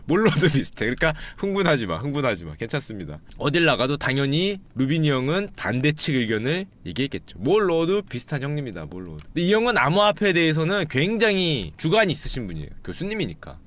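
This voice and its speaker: A man giving casual, jokey commentary, animated and often acting out what others say. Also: on the high side, quick pace, few pauses. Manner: animated, jokey, acts out quotes; frequent laughter, banter-like asides.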